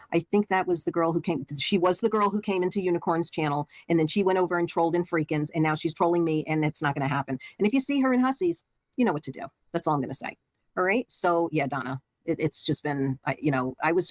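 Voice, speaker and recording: Woman, middle-aged, low voice, dry close sound, rambling livestream chatter, lots of fillers. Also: dry recording. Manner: rambling, talks straight to chat with many fillers. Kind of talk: casual stream sign-off.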